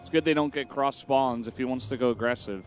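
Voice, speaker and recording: A man's voice: medium pitch, brisk, faint music behind. Analytical male esports co-caster. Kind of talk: game commentary.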